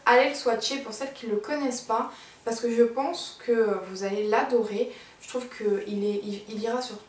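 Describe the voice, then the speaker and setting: Woman beauty vlogger, fairly high pitch, chatty and keen with lots of fillers; distant camera in an echoey home room. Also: darkish tone. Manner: chatty and enthusiastic, hesitant with fillers. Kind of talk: casual monthly favorites review. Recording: roomy sound from a distance.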